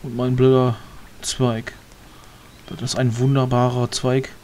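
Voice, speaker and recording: Male let's-play commentator, mid pitch, mutters and rambles over gameplay, faint hiss behind. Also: flat delivery, unhurried, a little mellow. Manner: rambling, muttering to himself, mildly grumbling. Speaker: let's player.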